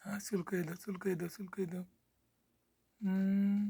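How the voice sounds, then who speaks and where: A man, softly coaxing and soothing a pet bird in a sing-song way. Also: high-pitched, completely flat delivery, normal speed, gravelly. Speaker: travel vlogger.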